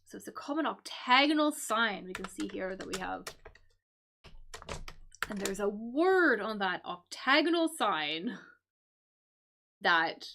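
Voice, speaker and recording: A woman hosting a live-stream English lesson, explaining crossword clues slowly with many fillers and repeated "right?". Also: medium pitch, pushed and bright. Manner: slow, repetitive explaining with frequent fillers and "right?".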